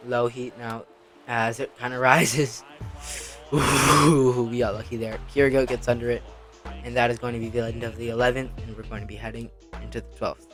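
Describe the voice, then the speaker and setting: A man giving excitable let's-play commentary on a baseball video game, talking back at the game and pleading with players. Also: mid-range voice, fairly quick. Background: background music.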